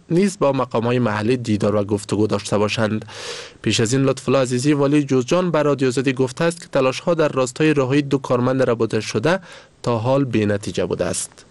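A man's voice: mid-range voice, darkish tone, no echo. A man with an Afghan Dari accent reads a scripted radio news bulletin in a solemn, formal newsreader manner.

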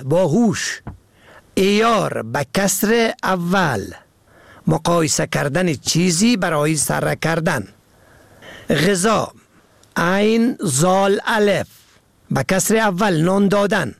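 Male radio presenter, careful spelled-out lesson reading; fairly high, gravelly, dry close sound. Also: no echo. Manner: slow, careful spelling out of words. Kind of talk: scripted language lesson reading.

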